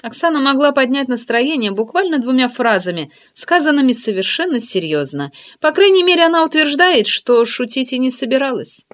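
Woman reading a novel, wide-ranging pitch. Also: lively intonation, fairly quick, hardly any pauses, fairly bright tone. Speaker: audiobook reader. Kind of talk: first-person novel narration.

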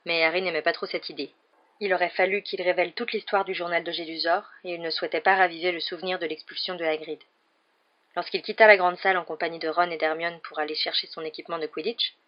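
Low-voiced woman reading an audiobook. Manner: steady measured reading. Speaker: audiobook reader. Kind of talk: audiobook narration. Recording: dull lo-fi recording.

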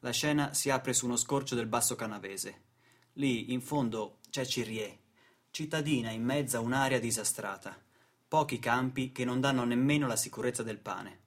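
A man with a mid-range voice, speaking at normal speed, delivers dramatic scripted narration for radio theatre. A narrator and stage actor, he takes a solemn, theatrical approach built on short, weighted phrases.

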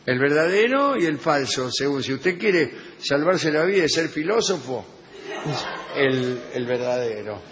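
A man's voice: a little high, big pitch swings, unhurried, fairly bright tone. An Argentine man hosting radio comedy with improvised, mock-authoritative dialogue. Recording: dull, echoey hall sound, faint noise.

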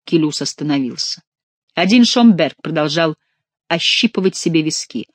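Brief: expressive novel narrator, mid-pitched, close and dry. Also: normal speed, no room sound. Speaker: audiobook reader. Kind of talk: scripted narration.

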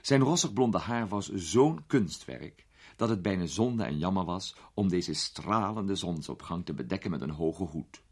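Deep-voiced male storybook narrator. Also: animated, a little slow, a little mellow, husky. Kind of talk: audiobook narration.

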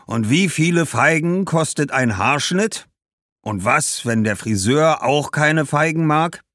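Man doing a gruff haggling shoemaker. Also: on the high side, expressive, slow, fairly bright tone, no echo, studio quality, pitched above the performer's own voice. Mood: skeptical. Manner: grumbling, skeptical, haggling. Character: gruff, shrewd middle-aged male shoemaker.

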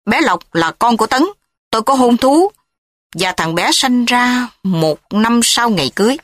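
A woman voicing a furious, defiant young mother who speaks in a sharp, raised, indignant way in an audiobook drama. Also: mid-range voice, sing-song, a little fast, slightly rough, dry recording, studio quality. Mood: angry.

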